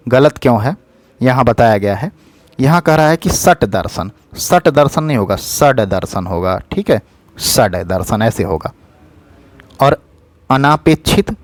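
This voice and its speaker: A man teaching as an exam tutor, patiently explaining spelling questions and repeating the correct form slowly, often checking in with "thik hai". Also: medium pitch, no echo.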